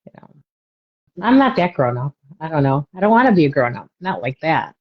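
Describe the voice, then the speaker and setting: A woman's voice: low voice, sing-song, a little fast. A woman co-hosting a casual chat, rambling along with lots of "you know" asides. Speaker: podcast co-host. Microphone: webcam or video call mic. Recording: dull lo-fi sound.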